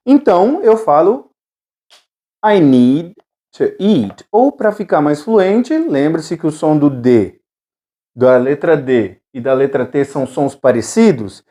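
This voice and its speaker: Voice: mid-range voice, animated, a little slow, a little mellow. An English teacher giving a recorded lesson, patiently repeating drill phrases and checking in with the students.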